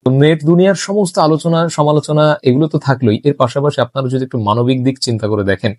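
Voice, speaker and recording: A man's voice: medium pitch, fast, darkish tone, no echo, clean studio sound. A man giving earnest, sympathetic voice-over commentary in long, listing sentences. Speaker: vlogger commentator.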